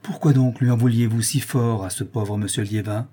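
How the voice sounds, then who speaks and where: A man reading aloud, voicing a calm, ironic man who corners a murderer with cool, relentless mockery. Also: medium pitch, moderate pace, slightly rough, close to an everyday voice. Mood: coolly mocking.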